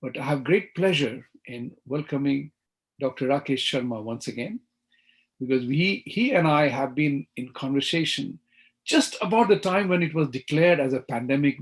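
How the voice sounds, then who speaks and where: A man with an Indian English accent hosting an interview talk show, asking emphatic, animated questions. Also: medium pitch.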